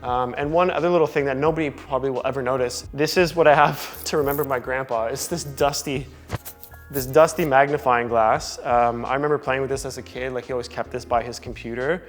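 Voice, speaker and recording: A young man, casually talking through a tour of his loft apartment in a relaxed way, with lots of filler words. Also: mid-range voice, brisk, faint music behind. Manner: chatty, relaxed, full of "like" and "um" fillers. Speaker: vlogger giving a home tour. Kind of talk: casual home tour talk. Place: large loft apartment indoors.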